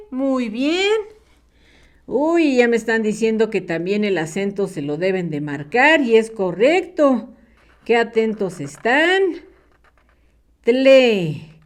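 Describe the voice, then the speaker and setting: Slow, lively teacher woman. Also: fairly high pitch. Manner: slow, encouraging, repeats syllables for children. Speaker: primary school teacher. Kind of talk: children's phonics lesson.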